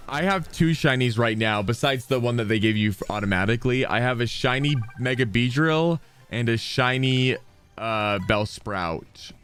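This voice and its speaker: A man streaming a video game, chatting casually with his viewers in an excitable, rambling way full of asides. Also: mid-range voice, normal speed, soft background music. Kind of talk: casual gameplay chat with viewers.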